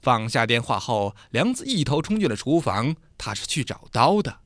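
A man narrating a dramatic story in an expressive, animated way. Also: mid-range voice, moderate pace, no room sound, clean studio sound.

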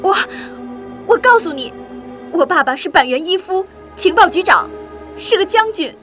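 A woman voicing a frightened but haughty young female captive, with shrill pleading and boastful threats, over background music. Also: expressive, moderate pace, fairly bright tone. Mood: defiant.

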